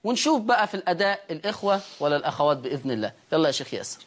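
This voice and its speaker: A woman with an Egyptian accent teaching Quran recitation rules on a broadcast, explaining quickly and often checking whether her listeners follow. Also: deep voice, sing-song, a little hiss or hum. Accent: Egyptian Arabic.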